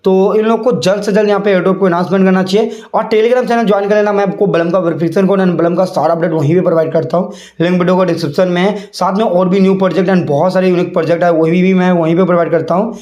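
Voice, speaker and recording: A man's voice: high-pitched, fairly even intonation, fast, few pauses, a little mellow, roomy sound. A man, chatting casually as a crypto video host and filling his talk with repeated fillers. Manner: chatty, repeats "ठीक है" and "यहाँ पे". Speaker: crypto YouTuber. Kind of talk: casual explainer vlog.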